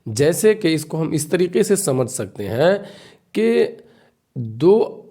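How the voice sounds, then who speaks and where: Guy teaching the alphabet, a bit high-pitched, slow and patient, keeps repeating and asking questions. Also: big pitch swings, dark tone, breathy edge. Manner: patient, repeats and quizzes the learner. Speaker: Urdu teacher.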